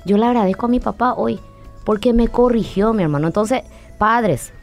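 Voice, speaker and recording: A woman's voice: on the high side, moderate pace, darkish tone, soft background music. A woman psychologist as a guest on a church-interview. She speaks earnestly and preaches, and she keeps calling the listener her brother. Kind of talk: interview on faith and parenting.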